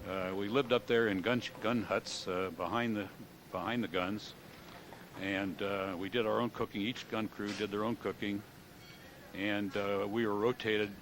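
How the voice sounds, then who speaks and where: An elderly American man, a war veteran in his seventies, remembering his service in a halting, matter-of-fact way, pausing to recall details. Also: fairly low pitch, background noise. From United States. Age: 70s. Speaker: World War II veteran giving an interview. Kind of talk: oral history recollection.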